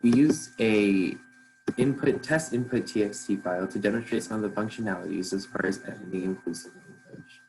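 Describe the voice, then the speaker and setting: A man narrating a scripted software demo as a student presenter, in a measured, explanatory manner. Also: on the low side. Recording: clearly noisy, humming background.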